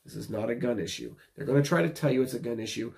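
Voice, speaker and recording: Speaking fast with vocal fry, a thirties-aged American video commentator delivers casual, opinionated takes to the camera, hammering his points home by repeating them. The voice is mid-range and a little mellow, captured in a small indoor room.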